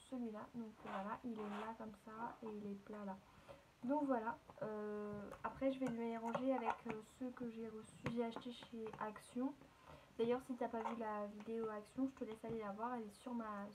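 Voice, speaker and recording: A woman's voice: on the high side, noisy background. A woman chatting casually to her viewers as she unboxes and shows off a beauty haul, with plenty of fillers. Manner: chatty, filler-heavy, addresses viewers directly.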